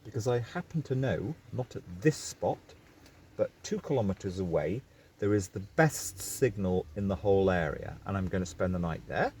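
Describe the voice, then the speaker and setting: A man's voice: low-pitched, animated, moderate pace, a little mellow, slight background noise. A man talking into his phone camera from a parked vehicle, rambling and going off on digressions in a casual vlog. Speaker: vlogger.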